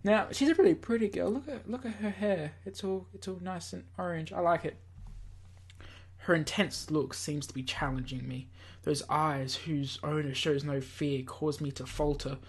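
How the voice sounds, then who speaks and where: A man with a fairly high-pitched voice that has a breathy edge talks at a moderate pace. Hosting a let's play, he dramatizes a visual novel's text aloud and mixes in relaxed, offhand commentary.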